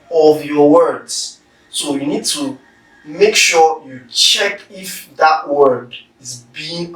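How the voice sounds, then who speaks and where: A man teaching public speaking in a slow, deliberate lecture, carefully stressing syllables as he demonstrates words. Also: on the high side, fairly bright tone. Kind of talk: instructional lecture. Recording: echoey room, somewhat far from the mic.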